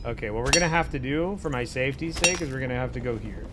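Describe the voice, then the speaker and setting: A man doing casual live game commentary for his chat, profane and excitable in his talk. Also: medium pitch, quick pace, very noisy. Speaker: game streamer. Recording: game music behind voice.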